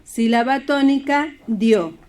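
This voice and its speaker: Higher-voiced woman teaching a lesson. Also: slow. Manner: clear, steady explaining, reads poems and examples aloud. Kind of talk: primary school Spanish lesson.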